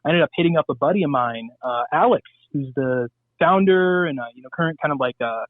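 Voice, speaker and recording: A man's voice: on the high side, lively intonation, a little fast, no room sound. Male radio guest from Southern California, loose rambling delivery, phone-quality audio, dry. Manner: loose, rambling, crude humor with many fillers. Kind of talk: casual radio interview. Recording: tinny phone-line sound.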